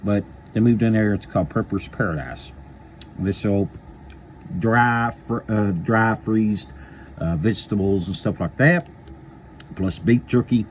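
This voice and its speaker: A man's voice: on the low side, a little slow, slight background noise. A man, chatting casually as a local video host, rambling and folksy with lots of repeated phrases. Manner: eating while talking. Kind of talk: casual chat to camera.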